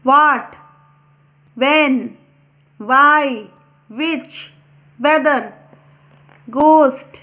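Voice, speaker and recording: A woman teacher reads a word list very slowly, one word at a time. She stops now and then for a short explanatory aside. The recording sounds dull and lo-fi. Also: high voice, sharp tone. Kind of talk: slow word-list lesson.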